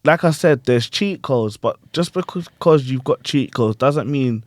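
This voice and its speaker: Talking about performing on his podcast, this grime MC and host has a mid-range voice and an unhurried pace. He stays lively and full of slang, keeps checking in with guests, and often says "you get what I'm saying." There's no room sound.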